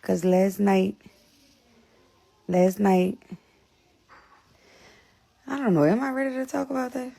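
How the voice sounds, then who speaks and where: Blunt, breathless woman with vocal fry. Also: medium pitch, takes it slowly, long pauses, mellow. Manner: blunt, repetitive, profane. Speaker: livestream host. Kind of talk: casual livestream talk to viewers.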